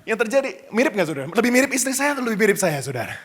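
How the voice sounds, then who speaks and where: A middle-aged man preaching a lively sermon, often turning to address the congregation directly. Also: high voice, very fast, breathy edge. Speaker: pastor. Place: church stage before a congregation.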